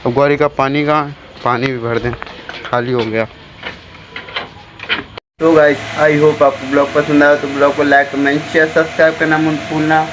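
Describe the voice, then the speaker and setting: A man's voice: fairly high pitch, flat delivery, moderate pace, pauses often. A man doing a casual, chatty vlog from a rooftop, talking to his viewers as he shows them around. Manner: chatty, talks to viewers as "guys" while showing around. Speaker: vlogger. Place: outdoors on a rooftop. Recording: outdoor noise with passing traffic.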